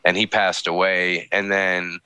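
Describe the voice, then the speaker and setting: A man's voice: low voice, little pitch movement, measured pace, bright, forceful tone, smooth, no room sound, rough recording. A man from North Carolina, a guest in a casual interview, who rambles with lots of fillers and laughs often.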